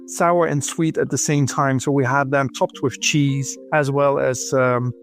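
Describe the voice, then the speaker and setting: Man, podcast guest, measured storytelling, faint music. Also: mid-range voice, fairly even intonation. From Netherlands.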